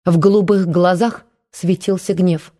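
A woman reading an audiobook, narrating with even, dramatic storytelling. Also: lowish voice, measured pace.

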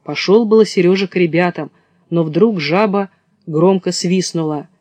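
A man narrating a children's storybook in a lively storytelling manner. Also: high-pitched, normal speed, dry recording. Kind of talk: storybook reading.

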